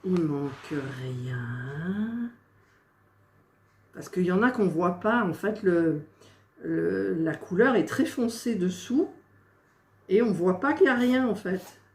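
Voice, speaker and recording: Searching for missing pieces of her craft project on camera, a woman talks to herself and makes exasperated asides to viewers. Her mid-range voice is expressive and a little mellow, with vocal fry and a measured pace, recorded in an echoey room with faint noise.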